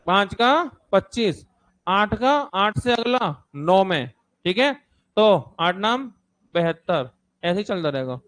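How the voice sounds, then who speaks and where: A man with a high voice teaches a maths lesson to a class in front of him. He repeats each number and step aloud and keeps checking that the students are following. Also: a bit bright.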